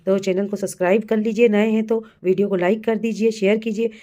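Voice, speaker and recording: A woman teacher explaining a classroom assessment to fellow teachers, patient and steady, and slowing down to read out words for dictation. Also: medium pitch. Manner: patient, addresses listeners as colleagues, reads words slowly for dictation. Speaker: primary school teacher.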